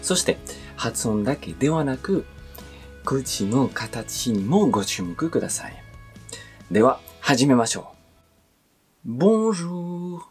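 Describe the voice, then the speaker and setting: A man who runs a language school, leading a pronunciation lesson and carefully articulating each word, stretching it out very slowly on the repeats. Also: mid-range voice, sing-song, faint music behind. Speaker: French school principal and teacher.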